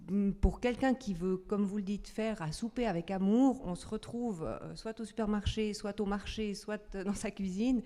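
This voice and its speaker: A woman's voice: mid-range voice, warm tone. A woman in the audience asking a long, rambling question, hesitating and searching for her words. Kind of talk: question from the floor. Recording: long hall reverb.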